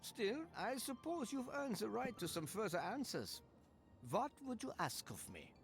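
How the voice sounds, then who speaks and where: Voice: medium pitch, big pitch swings, measured pace, creaky. An actor voicing a haughty, sinister video game villain with formal, precise, condescending speech who toys with the listener. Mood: haughty, amused. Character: creepy, haughty little girl hiding a sinister controlling old man. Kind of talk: video game character acting. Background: game music.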